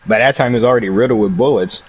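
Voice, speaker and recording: A man's voice: mid-range voice, racing, breathy edge, lo-fi sound. A young man gaming with a friend, talking bluntly and complaining in casual slang. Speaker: gamer. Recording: faint background noise.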